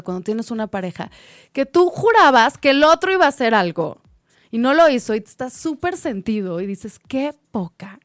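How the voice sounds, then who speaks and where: A woman co-hosting a casual chat, animated and acting out quoted dialogue. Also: on the high side, no room sound, clean studio sound. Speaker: co-host.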